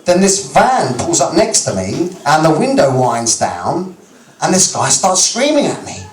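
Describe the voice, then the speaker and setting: A man with an English accent doing a stand-up routine, telling a story in an animated, mock-exasperated way. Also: fairly high pitch, a little slow, slight background noise. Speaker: stand-up comedian. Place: comedy club stage. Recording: roomy live club recording from far off.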